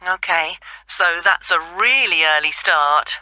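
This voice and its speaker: A woman playing an interested, inquiring caller in a scripted phone dialogue, brisk in manner. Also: fairly low pitch, expressive, pushed and bright, dry recording, heavily acted, low-quality recording. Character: interested woman caller asking about volunteering. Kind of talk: scripted listening-test dialogue.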